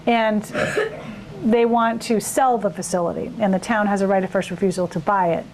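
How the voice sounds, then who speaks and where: Woman, town administrator, casual plain-spoken talk, local interview, mid pitch. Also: fairly even intonation, normal speed, darkish tone, a little hiss or hum, poor audio. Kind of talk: local community interview update.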